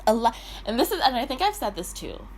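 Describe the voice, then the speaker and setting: A young woman rants through a casual storytime, peppering every line with "like" and swear words. Her pitch swoops up and down all over the place, and there's a faint hum of room ambience behind her. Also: sing-song, darkish tone. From Detroit, Michigan. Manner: profane, fast valley-girl chatter with frequent "like" and laughs. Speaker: vlogger.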